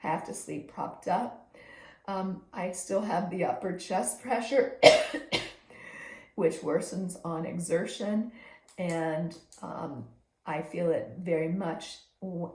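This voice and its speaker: Recording a personal health video diary, a hoarse woman who is short of breath speaks slowly and deliberately, often pausing to clear her throat or say "um." Her voice sits lowish with a dark tone, and the room echoes.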